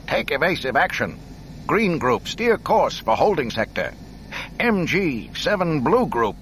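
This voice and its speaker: A man's voice: on the high side, very animated, measured pace, a bit bright, a little hiss or hum, voice pushed up. A man voicing an alien fleet admiral who gives urgent, raised commands.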